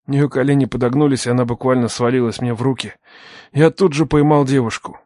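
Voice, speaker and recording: A man narrating a dramatic story in the first person, tense and urgent, raising his voice for shouted dialogue. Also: mid-range voice, steady tone, a little fast, dry recording, studio quality.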